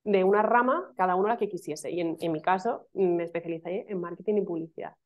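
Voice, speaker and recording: Over dull, lo-fi laptop-mic audio from a small home room, a Castilian-accented woman in her thirties from Spain is interviewed as an email marketing guest. She talks fast in a voice on the low side, animated and chatty, with lots of fillers and laughter.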